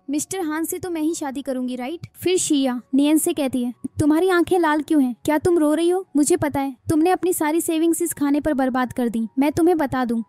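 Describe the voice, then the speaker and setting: A woman's voice: sits high, a little mellow, no room sound. A woman narrating a drama recap, retelling each character's lines in her own voice.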